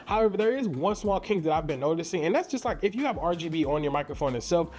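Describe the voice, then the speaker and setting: With lively intonation and a quick delivery, a St. Louis content creator, a man who reviews tech, chats excitedly and informally about a product, slang included. His voice sits a little high with a darkish tone, and his accent is from St. Louis, Missouri.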